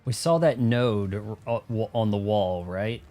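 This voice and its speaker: A man giving casual, slangy commentary as he plays a game, rambling and thinking out loud. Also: fairly low pitch, measured pace, faint music behind. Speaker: video game streamer. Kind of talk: casual first-playthrough commentary.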